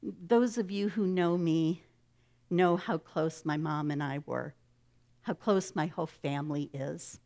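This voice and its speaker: Woman guest speaker, low-ish voice, unhurried delivery, reads a story gently then speaks personally. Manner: slow, gentle storytelling with soft, hushed dialogue. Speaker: guest speaker at a church service. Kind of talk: reading a story aloud, then a personal talk.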